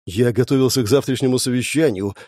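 A man reading a storybook, voicing a tired middle-aged husband who answers quietly and curtly. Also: medium pitch, quick pace, dry recording, clean studio sound, natural voice. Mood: weary.

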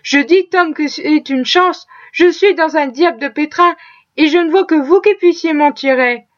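A woman's voice: high voice, normal speed, lightly acted. A woman voicing Haley, a scheming middle-aged slave trader who whines and wheedles, on a dull lo-fi recording. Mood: wheedling. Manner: whining, wheedling.

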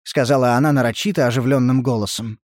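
A man reading a novel aloud as audiobook narrator, in a measured, even manner. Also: medium pitch, dry recording, studio quality. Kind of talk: scripted literary narration.

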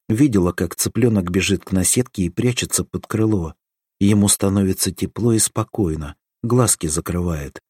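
A man reading the part of an affectionate, teasing young village girl in an audiobook, lifting his voice into a bright pleading lilt. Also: low voice, breathy edge, dry recording, clean studio sound.

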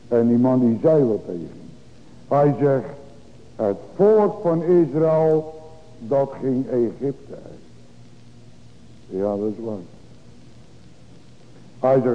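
A man, a pastor preaching a Reformed sermon to his congregation. He asks rhetorical questions and answers them, swinging between raised exclamations and quiet low drops. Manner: addresses the congregation directly. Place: church. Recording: dull lo-fi church recording with long reverb.

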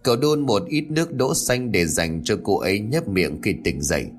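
A man's voice: fairly low pitch, expressive, moderate pace. A man voicing a solemn, cautious older male village exorcist in a narrated ghost story. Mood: grave.

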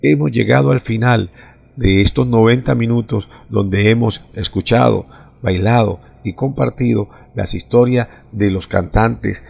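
Male radio host, gravelly low voice, measured scripted delivery with small hesitations. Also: darkish tone. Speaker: radio music show host.

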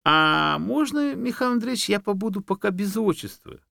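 A man voicing a sly, fawning female fox in a storybook reading, in a high squeaky voice. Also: animated, moderate pace, vocal fry, bright, forceful tone, no echo, clean studio sound, full character voice. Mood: coy.

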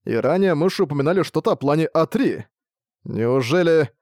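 Man reading an audiobook hero, young and wary, wry asides, fairly high voice. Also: expressive, a little fast, darkish tone, dry recording, clean studio sound.

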